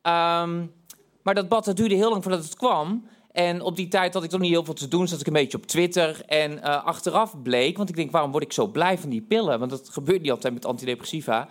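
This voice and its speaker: A man's voice: a little high, brisk. A man in his thirties telling a true personal story in a candid, self-mocking way, often quoting his own thoughts aloud. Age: 30s. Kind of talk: live comic storytelling.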